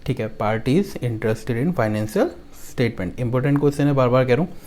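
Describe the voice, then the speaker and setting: A male teacher from Delhi gives an accounts lecture in a Hindi-speaking accent, his mid-range voice darkish in tone. He slowly repeats key lines, turns them into a rhyme to recite, and repeatedly asks whether students understand.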